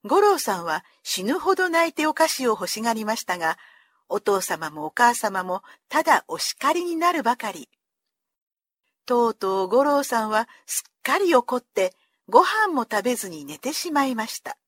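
A high-voiced woman reads a children's story aloud, her pitch leaping and falling with the tale. She acts out each character as she goes, and the sound is close and dry, with no room around it. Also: sing-song, normal speed, a bit bright, husky, dry recording.

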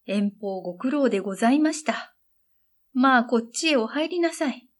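A woman's voice: fairly high pitch, lively intonation, moderate pace. A woman reading a storybook, voicing a sly, wicked goblin spider who greets a guest with fawning politeness. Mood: falsely welcoming.

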